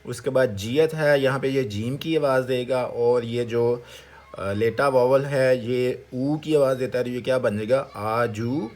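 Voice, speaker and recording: A male language teacher gives a Korean vocabulary lesson in Urdu, speaking in an even, mid-pitched voice. Patient and methodical, he sounds out each syllable slowly, repeats it, and keeps asking viewers what it becomes. His drilling is slow and repetitive, syllable by syllable, punctuated with questions.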